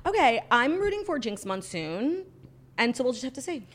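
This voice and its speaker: A woman's voice: sits high, big pitch swings, moderate pace. A woman co-hosting a casual chat podcast, talking in a bubbly, effusive sorority-girl way with dramatic exaggeration and lots of "like" and "literally". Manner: dramatic, hyperbolic. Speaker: podcast co-host.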